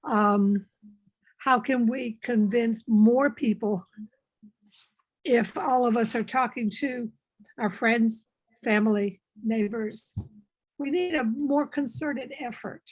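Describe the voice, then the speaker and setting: An older woman speaking in a measured, earnest way, with pauses, as a participant in a group discussion on a video call. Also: on the high side.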